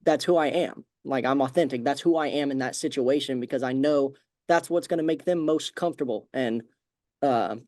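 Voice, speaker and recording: A man hosting a podcast, talking casually and relaxed with many fillers like "like". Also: medium pitch, normal speed, no echo, clean studio sound. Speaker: podcast host. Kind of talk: casual conversation.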